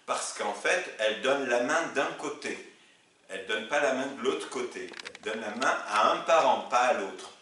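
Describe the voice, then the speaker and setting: A man's voice: mid-range voice, animated, sharp tone. A man teaching a lesson at a board in a patient, repetitive way, often telling his students to look. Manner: patient, explains slowly with repetition, says "regardez" often. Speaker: Arabic teacher. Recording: echoey room from a distance, faint noise.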